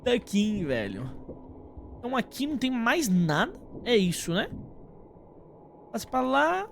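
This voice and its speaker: A Brazilian male game streamer with a high-pitched, very lively voice that swings up and down. He talks informally to his chat, thinking out loud in loose slang, with faint noise behind him. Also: unhurried, vocal fry. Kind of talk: casual gameplay commentary.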